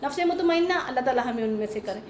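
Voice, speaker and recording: A woman's voice: high-pitched, lively intonation, darkish tone, roomy sound. A woman teaching a Quran commentary class to a small group. She explains patiently, mixes in English terms, recites Arabic verses and asks the class questions.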